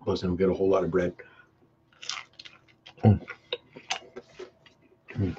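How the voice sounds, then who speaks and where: Man, casual live-stream chat, chewing and humming, deep mellow voice, lo-fi webcam audio. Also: little pitch movement, unhurried, slightly rough. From Canada. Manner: chews and hums between short remarks. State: sweating from hot peppers. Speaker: hot sauce vlogger. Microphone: webcam mic. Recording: dull low-fi webcam audio with faint noise.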